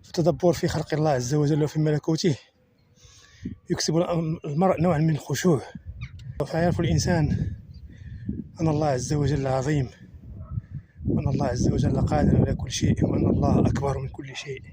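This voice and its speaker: A man's voice: fairly high pitch, steady tone, fast, long pauses, background noise. A man with a Moroccan accent chatting casually for a vlog, recorded outdoors on a rural road. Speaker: vlogger on a bicycle trip.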